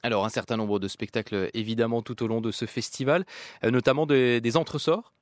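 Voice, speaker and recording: A man's voice: medium pitch, fairly even intonation, fairly quick, dry recording, clean studio sound. A man hosting a radio interview, asking brief guiding questions with some hesitation. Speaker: radio host.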